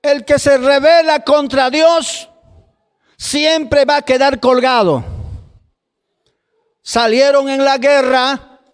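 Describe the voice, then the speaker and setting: A man preaching a fiery sermon in a church hall, his voice very high and ringing. He speaks slowly, stretching his phrases and breaking into shouts. A long reverb from the hall hangs behind every word. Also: fairly even intonation. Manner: preaching with slow drawn-out phrases and sudden shouts.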